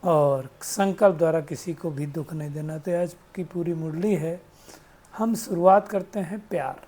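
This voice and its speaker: A man's voice: fairly high pitch, unhurried, warm tone. A man giving a devotional spiritual talk, explaining patiently, quoting sayings and asking rhetorical questions. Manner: asks rhetorical questions, tag "है ना?". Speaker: spiritual teacher. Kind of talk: devotional discourse.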